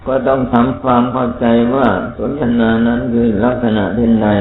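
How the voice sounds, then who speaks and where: A man preaching a sermon as a monk, in a rambling, conversational way. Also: fairly low pitch. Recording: phone-like, roomy, faint noise.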